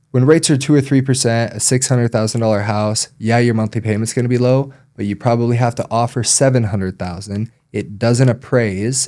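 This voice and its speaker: A man who works as a loan officer, explaining things in a relaxed podcast chat with frequent ums. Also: on the low side.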